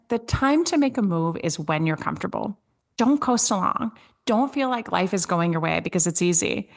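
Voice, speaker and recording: A middle-aged woman from Switzerland hosting a sales podcast, recapping an interview and answering listener questions in an upbeat, emphatic way. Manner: upbeat, emphatic, with big pitch jumps on key words. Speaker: podcast host.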